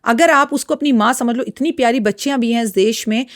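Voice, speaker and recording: A woman's voice: on the high side, fairly quick, no echo, clean studio sound. A woman astrologer speaking as a podcast guest, frank and lecturing in a blunt, outspoken way. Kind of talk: podcast interview talk.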